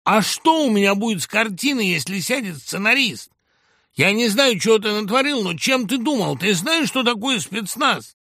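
A ranting, bullying middle-aged producer who shouts in a raised, sharp voice that leaps wildly up and down, as a man puts him on in an audiobook. Every sentence comes out as a tirade. The recording is close and dry. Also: mid-range voice, very animated, slow, few pauses, husky, no room sound, full character voice. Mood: ranting furious. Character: loud, hysterical middle-aged male film producer. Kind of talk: audiobook reading.

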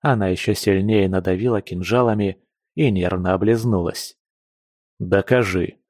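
This is a male audiobook narrator with a fairly low voice. He reads at a steady, measured pace. The sound is dry and close to the mic. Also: no echo.

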